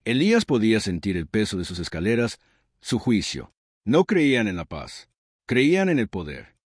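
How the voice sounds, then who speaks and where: A man reads a science-fiction story aloud as narrator, in an expressive storytelling manner. His voice sits fairly low and moves through a wide, animated pitch range. The recording is dry and close, with no room echo. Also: normal speed, breathy edge.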